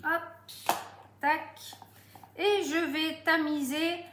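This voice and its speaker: A woman's voice: high voice, fairly even intonation, very slow, reverberant, background noise. A middle-aged woman with a southern French accent, demonstrating a recipe at home in a casual, chatty way and speaking straight to her viewers. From southern France. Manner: chatty, addresses viewers directly. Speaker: Tupperware demonstrator. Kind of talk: casual cooking tutorial.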